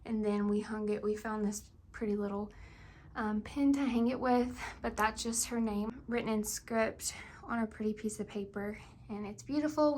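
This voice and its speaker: Young female vlogger, higher voice, chatty home-tour delivery, slightly winded, faint hiss behind. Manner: chatty, descriptive, uses "little" often. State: out of breath. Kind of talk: casual home tour vlog. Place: home nursery room.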